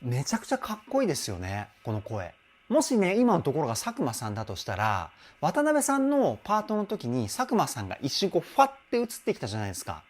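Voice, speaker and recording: A man working as a vocal trainer, chatting enthusiastically in a casual commentary, with hums and interjections. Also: medium pitch. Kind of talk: casual music analysis commentary.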